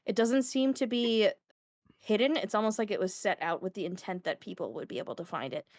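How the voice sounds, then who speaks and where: A woman's voice: mid-range voice, fairly quick, a little mellow, dry recording, studio quality. Casual woman game master. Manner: casual, hesitant with many fillers. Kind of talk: running a tabletop game.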